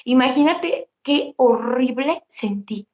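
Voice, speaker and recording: A woman tells a personal story in an earnest, vivid way, talking straight to her listener. Her voice sits a little high for a woman. The recording is dull and lo-fi. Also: expressive, takes it slowly. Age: 40s. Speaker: guest telling a paranormal experience. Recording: dull lo-fi audio.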